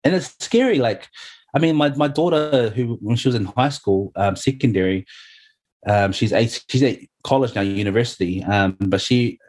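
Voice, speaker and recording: A man's voice: mid-range voice, normal speed, darkish tone. A middle-aged man, sharing his story earnestly and heartfelt as an interview guest, often saying "you know". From New Zealand.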